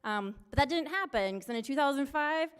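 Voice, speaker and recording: A woman in her forties, a recreation coordinator presenting at a city meeting in an upbeat, loud lifeguard voice with many fillers. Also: high voice, animated, brisk. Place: city council meeting room.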